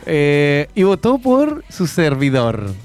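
A man in his thirties with a Chilean Spanish accent, co-hosting a bilingual radio show in casual chat, animated and laughing often. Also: fairly high pitch, takes it slowly.

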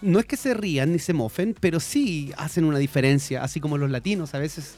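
Man, radio co-host, bilingual casual chat, teacherly, fairly high voice, soft music behind. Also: a little fast. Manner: switches between Spanish and English, teacherly and chatty.

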